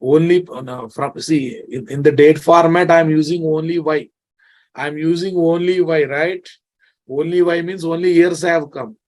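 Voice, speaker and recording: A man's voice: fairly high pitch, darkish tone. An Indian man with a Telugu accent teaches a programming class in an informal, live style. He repeats key phrases several times over and keeps checking in with his listeners as he explains. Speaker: programming instructor. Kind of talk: informal live technical lecture to students.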